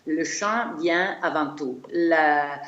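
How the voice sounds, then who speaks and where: A woman's voice: sits low, drawn-out words, a bit bright, echoey room, muffled recording, a little hiss or hum. A middle-aged Italian woman speaking French with an Italian accent, a chiropractor talking as a guest in a casual interview, hesitant with many fillers and restarts. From Italy.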